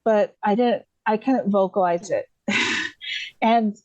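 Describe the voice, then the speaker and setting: A woman's voice: mid-range voice, takes it slowly, no echo, rough recording. A woman from the USA, a podcast guest, telling her story casually, with many fillers, restarts and light laughs.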